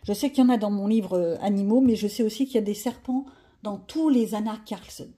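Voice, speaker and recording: A woman's voice: mid-range voice, brisk, warm tone, breathy edge. A woman chatting casually to her viewers while she colors, thinking aloud and joking about herself. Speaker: coloring vlogger.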